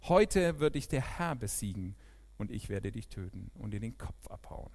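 A man's voice: on the low side, level tone, moderate pace, creaky, mellow. Preacher man reading a bold young shepherd, firm and declaiming. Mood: defiant. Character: young male shepherd hero, defiant and bold.

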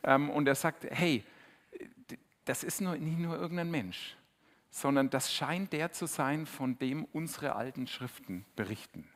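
A middle-aged man preaching a sermon in a lively, conversational way, acting out the quotes he tells. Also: fairly high pitch, unhurried.

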